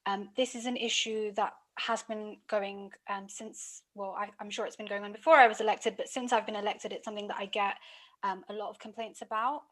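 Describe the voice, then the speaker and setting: A female councillor raising residents' complaints in a committee meeting, earnest, with many pauses. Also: medium pitch, fairly even intonation, a bit bright.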